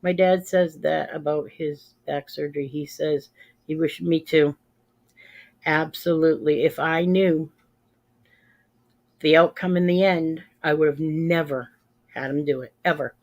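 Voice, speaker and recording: With a low, steady, slightly mellow voice, a woman in her fifties talks unhurriedly to her livestream audience, pausing often. She is direct and emphatic, leaning on repetition to drive points home.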